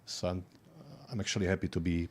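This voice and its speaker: A man's voice: low voice, little pitch movement, fast talker. A man in his forties from Slovakia, an engineer, shy and hesitant as a panel guest. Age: 40s. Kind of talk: casual panel chat.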